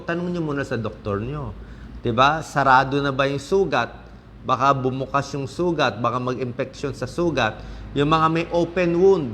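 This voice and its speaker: A middle-aged doctor from the Philippines talks through health advice in a relaxed, chatty way, often checking in with the listener. His voice sits at a medium pitch. A faint background hiss runs under the recording. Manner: conversational, with many fillers and tag questions. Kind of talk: casual health talk.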